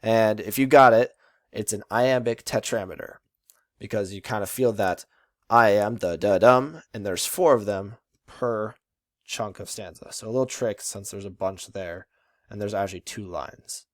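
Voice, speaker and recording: A man's voice: fairly low pitch, normal speed, no echo, clean studio sound. A young man explaining a lesson in a chatty way, tapping out stressed syllables aloud to show rhythm. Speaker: student presenting a lesson.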